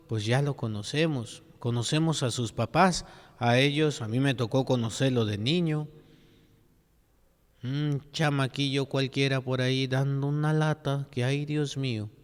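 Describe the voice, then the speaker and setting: A priest preaching a sermon at mass, earnest and full of rhetorical questions. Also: male voice, mid-range voice, big-room sound.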